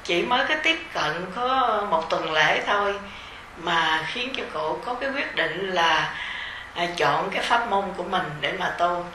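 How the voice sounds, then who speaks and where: A middle-aged woman with a Southern Vietnamese accent gives a dharma talk to her retreat group. She speaks slowly and gently, with a bright, clear tone and the easy fillers of someone talking rather than reading. Her voice rings in an echoey hall with faint ambience behind it. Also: on the low side, animated, slight background noise. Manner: gentle, unhurried, conversational with soft fillers. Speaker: meditation teacher leading a retreat.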